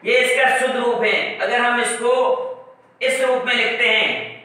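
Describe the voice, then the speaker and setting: A high-pitched man teaches a grammar lesson at a slow, deliberate pace, stating each rule and then repeating it with examples. His voice is bright and sharp, and it echoes around the room from a mic set well away from him. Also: flat delivery, far from the mic.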